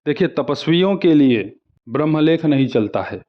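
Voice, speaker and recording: A man teaching a devotional practice, reciting Sanskrit mantras slowly and evenly between plain Hindi explanations. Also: fairly high pitch, animated, lo-fi sound. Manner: slow measured chanting of Sanskrit verses. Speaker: spiritual teacher.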